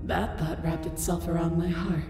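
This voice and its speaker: Booming, amplified godlike princess. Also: female voice, flat delivery. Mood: commanding. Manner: slow, regal, commanding. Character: towering godlike princess, commanding and possessive. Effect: booming, magically amplified voice with heavy reverb. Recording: echoey hall reverb over game music. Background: game soundtrack music.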